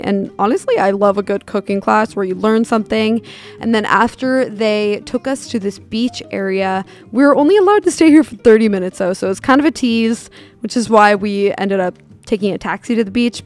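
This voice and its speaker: A young woman narrating a casual travel vlog, chatty and candid, with plenty of "like" and "you know". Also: fairly high pitch. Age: young adult. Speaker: travel vlogger. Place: cabana day bed on a beach, outdoors.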